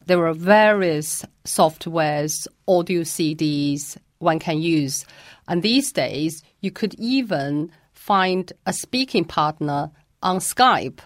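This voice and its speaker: A woman's voice: low voice, animated, slow, dry recording, studio quality. A woman who teaches Mandarin, answering interview questions patiently and carefully, and demonstrating pronunciations as she explains.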